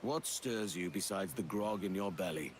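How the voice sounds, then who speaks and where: A man's voice: sits low, animated, moderate pace, a little hiss or hum. An actor playing a bold, self-assured young male adventurer in a video game. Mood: probing. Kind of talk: video game character acting. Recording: music playing behind the voice.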